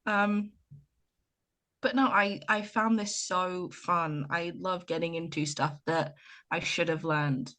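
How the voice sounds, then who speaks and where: A woman from Ireland co-hosting a relaxed podcast conversation. Her voice sits a little low. She tells stories in an animated way and acts out the people she quotes. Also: takes it slowly. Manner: animated storyteller, retells scenes with lively quoted voices. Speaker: podcast co-host. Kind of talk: casual chat.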